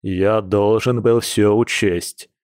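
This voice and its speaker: A man voicing a hot-tempered, protective bear shapeshifter, gruff and intense, in an audiobook. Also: fairly even intonation, normal speed, a little mellow, no echo, clean studio sound, lightly acted. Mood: tender resolve. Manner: gruff, intense, with low hissed anger. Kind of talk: audiobook character reading.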